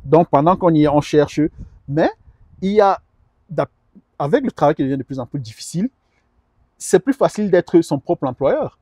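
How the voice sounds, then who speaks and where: A middle-aged man speaking earnestly in a sit-down interview, his voice sitting fairly high for a man. He stumbles and repeats words as he searches for them. The sound is dry and close, with no room echo. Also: animated, moderate pace, long pauses, dark tone. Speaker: guest advisor on immigration. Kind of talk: conversational interview.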